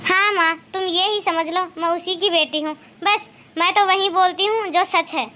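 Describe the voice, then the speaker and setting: A frank, fair-minded young daughter in a cartoon, voiced by a woman, speaks in a very high, bright voice. She argues and advises with easy confidence. Faint noise sits behind her. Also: steady tone, moderate pace. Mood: persuading. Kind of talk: cartoon moral-story dialogue.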